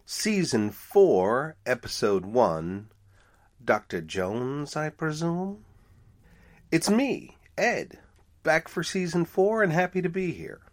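A middle-aged man, an archaeologist who hosts his own podcast, tells stories in a casual, animated, conversational style full of wry asides. His voice is fairly high and his pace slow.

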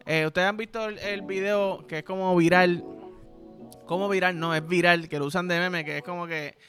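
A man's voice: high voice, normal speed, faint music behind. A Puerto Rican man hosting a podcast, telling crude comic stories full of swearing and mouth sound effects. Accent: Puerto Rican Spanish. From Puerto Rico. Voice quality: profane, animated storytelling with sound effects. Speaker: podcast host. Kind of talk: crude comedic monologue.

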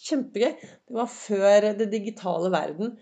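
A woman hosting a podcast in a chatty, encouraging motivational monologue, her voice slightly hoarse and her throat often cleared, with many fillers. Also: medium pitch, warm tone. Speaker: podcast host. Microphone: semi-pro recording setup.

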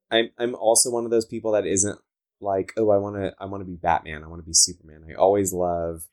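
Low-voiced man with valley girl talk, Southern Californian. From Southern California, United States. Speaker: interviewed comic book writer. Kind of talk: casual interview chat.

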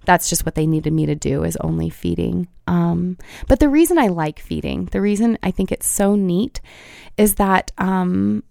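A woman's voice: lowish voice, expressive, normal speed, vocal fry, dark tone, no room sound, studio quality. A woman in her thirties, a pediatric feeding therapist, talking in an earnest, heartfelt way with frequent fillers in a conversational interview.

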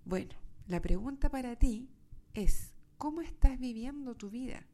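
Nasal, congested woman with a mellow voice. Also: fairly high pitch, animated, unhurried. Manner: reflective, addresses listener directly with rhetorical questions. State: stuffed up from pollen allergy. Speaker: host of a self-help podcast. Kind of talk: motivational coaching monologue.

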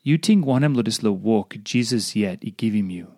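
A man's voice: on the low side, lively intonation, moderate pace, mellow, no room sound, studio quality. Papua New Guinean man reading devotional in Pidgin. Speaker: devotional reader.

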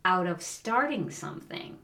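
A woman's voice: on the low side, a little slow, creaky, roomy sound. A middle-aged woman co-hosting a podcast, chatting casually and acting out the people in her stories. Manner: animated storyteller, acts out voices in anecdotes. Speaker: podcast co-host. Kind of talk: casual chat.

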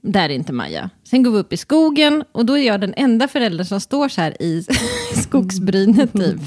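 A woman, co-hosting a casual chat podcast and acting out her stories with animated voices. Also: no echo, clean studio sound. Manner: animated storytelling, acting out a child's shrill demands. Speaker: podcast co-host.

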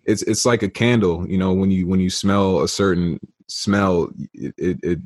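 A man's voice: deep voice, moderate pace, a little mellow, no room sound, clean studio sound. A man co-hosting a podcast, chatting casually about a film with wry jokes. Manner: joking, wry asides. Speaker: podcast co-host. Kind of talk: casual movie-review chat.

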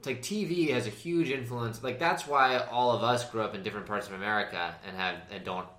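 A man's voice: mid-range voice, fairly quick. A man co-hosting a casual chat podcast, thinking aloud with many fillers. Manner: thoughtful, filler-heavy, lively. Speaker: podcast co-host. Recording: echoey room.

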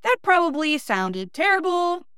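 A woman's voice: very high voice, sing-song, unhurried, fairly bright tone, no room sound, clean studio sound. A woman podcast host with a Northeast Ohio accent, reading scripted history narration with small self-deprecating asides. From Midwestern United States.

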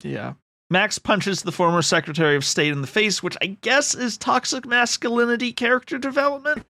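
A man's voice: sits high, brisk, vocal fry, pushed and bright. A man recapping a film in casual chat, sardonic and rambling, with frequent restarts. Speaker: podcast co-host recapping a film.

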